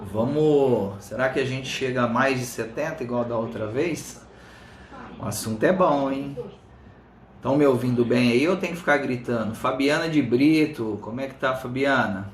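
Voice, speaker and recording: A man's voice: medium pitch, a little hiss or hum. A Brazilian man hosting a casual live stream, chatting informally to viewers by name, his speech slightly thick from a swollen tongue. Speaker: live stream host, fitness coach. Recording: roomy, echoing room sound.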